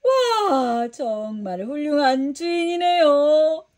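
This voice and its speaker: An eager young male disciple asks wide-eyed questions in a children's storybook, as a woman puts him on. His voice is high and he takes his time. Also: lively intonation, a little slow, warm tone. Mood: curious.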